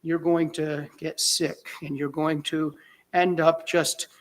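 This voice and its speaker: A man's voice: on the high side, little pitch movement, slow. A man preaching a sermon as pastor, in a conversational way with chuckles and self-corrections.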